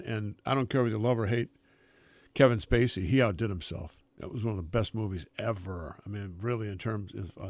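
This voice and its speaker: A man's voice: on the low side, no echo. A man hosting a radio music show in casual, rambling chat, freewheeling and emphatic in his enthusiasm.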